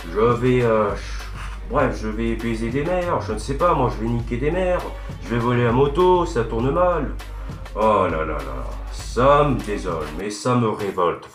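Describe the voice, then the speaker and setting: Brief: man doing a rambling, insulting Darth Vader who keeps tripping over his words, mid-pitched voice, echoey room. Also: close to an everyday voice. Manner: rambling insulting rant, stumbling with fillers. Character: ranting Darth Vader parody, menacing protective father. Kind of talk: clash video rant.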